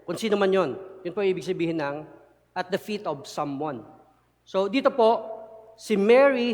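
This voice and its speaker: A man preaching a sermon as a church elder, switching between two languages and often asking his listeners rhetorical questions. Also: high-pitched. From Philippines. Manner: mixes Tagalog and English, asks listeners rhetorical "di ba?" often; animated, chuckles while explaining. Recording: long reverb of a church hall.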